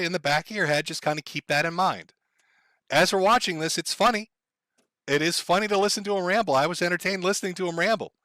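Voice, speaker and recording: A man's voice: on the high side, pushed and bright, dry recording. A man hosting a livestream, commenting to his chat in a blunt, profane, sardonic way. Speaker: stream host.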